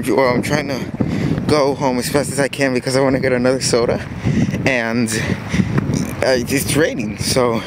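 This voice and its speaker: A man's voice: medium pitch, very noisy. A teenage boy vlogging casually on a handheld camera, rambling with restarts as he walks home in the rain and then talks at home. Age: teens. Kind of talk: casual daily vlog.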